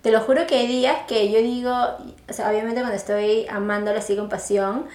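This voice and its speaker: Woman, casual co-host, emphatic and expressive, roomy echoey sound. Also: fairly high pitch, brisk. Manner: lively, expressive, emphatic storyteller. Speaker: podcast co-host. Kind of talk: casual chat. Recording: echoey room.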